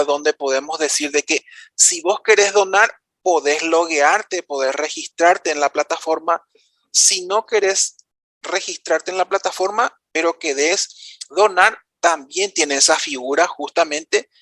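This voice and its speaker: A man's voice: fairly high pitch, fairly bright tone, no room sound. A man with a Paraguayan Spanish accent giving a conference presentation, explaining things step by step in an informal way that speaks straight to the audience. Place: conference room.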